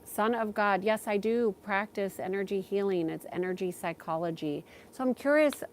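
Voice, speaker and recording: With a mid-range voice and a touch of hiss or hum on the recording, she hosts a casual livestream as a spiritual guide. She takes questions from viewers and pauses often, working through her thoughts aloud.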